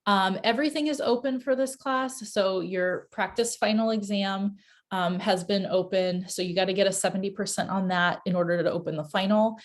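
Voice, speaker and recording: A woman instructor speaking over a video call, with a middle-range voice and a relaxed, conversational delivery. She fills her sentences with small hesitations and restarts as she goes over course details. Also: medium pitch, moderate pace. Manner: casual, many fillers and restarts. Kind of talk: online class session.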